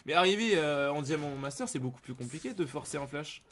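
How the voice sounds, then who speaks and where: High-voiced man commentating a game, noisy background. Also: lively intonation, a little fast. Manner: rambling, repetitive, heavy gamer slang. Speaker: video game streamer. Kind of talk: casual gameplay commentary. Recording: clear background noise.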